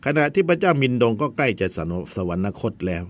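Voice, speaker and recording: A man's voice: a little high, very animated, fairly quick. A man teaching a history lesson in a chatty storytelling way, with asides to his students.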